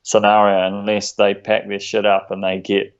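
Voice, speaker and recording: A low-voiced man with a broad Kiwi accent, creaky at the edges. He chats casually and haltingly as a podcast guest, slangy and laid-back, through slightly dull, lo-fi audio. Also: monotone. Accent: broad New Zealand. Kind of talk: casual chat.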